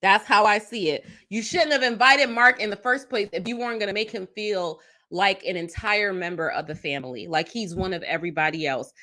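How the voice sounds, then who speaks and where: Woman live streamer reading a post aloud, then reacting with loud outrage and laughter. Bright, forceful tone. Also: mid-range voice, brisk, hardly any pauses. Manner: emphatic, outraged, laughs often.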